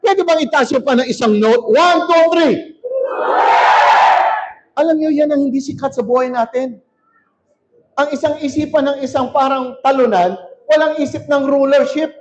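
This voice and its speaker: A male pastor preaching a sermon in a church hall, shouting and calling on the crowd to answer back. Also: very high-pitched, normal speed, pauses often, background noise. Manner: shouting, rousing, calls for crowd response. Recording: dull lo-fi recording.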